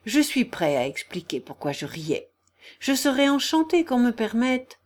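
A woman reading an audiobook, voicing a dying young man who speaks quietly, hoarse and weary. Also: a little high, very animated, a little slow, pitched above the performer's own voice. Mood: weary calm. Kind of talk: audiobook character voice.

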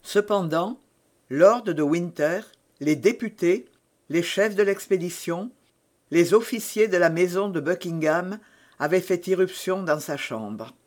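Slow, high-voiced male narrator. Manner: measured, deliberate storytelling. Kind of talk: audiobook narration of a classic novel.

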